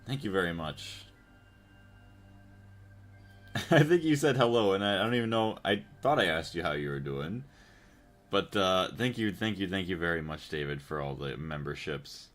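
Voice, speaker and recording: A man's voice: low voice, animated, moderate pace, fairly bright tone, soft background music. A man from the United States chatting casually on a gaming livestream, thinking aloud and thanking his chat. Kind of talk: casual live-stream chat while playing.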